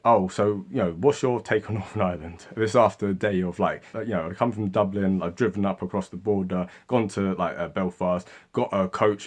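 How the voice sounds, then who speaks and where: A man hosting a history channel, talking casually to the camera and mimicking commenters and friends in exaggerated voices. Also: deep voice.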